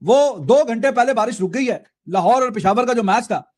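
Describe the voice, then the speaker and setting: A man's voice: extremely high pitch, animated, normal speed, a little mellow. A man with a Pakistani Urdu accent complaining indignantly about cricket management. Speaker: cricket commentator.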